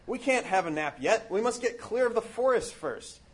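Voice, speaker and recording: A man's voice: sits high, expressive, moderate pace, slightly rough, voice pushed up. A man reading aloud in the voice of an anxious young male hobbit, urging and pleading. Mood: urgent.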